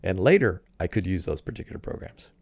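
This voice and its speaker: A man's voice: low voice, sing-song, fast talker, vocal fry, no room sound. A man giving casual commentary as he reads and critiques an article, thinking aloud with fillers and frequent "right?" checks. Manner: drops into a quieter voice at points.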